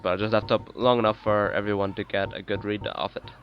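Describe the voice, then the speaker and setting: A man giving casual gameplay commentary as a let's play host, relaxed and chatty, with many ums and uhs. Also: on the low side, fast, highs cut off, faint music behind. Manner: hesitant, full of ums and uhs.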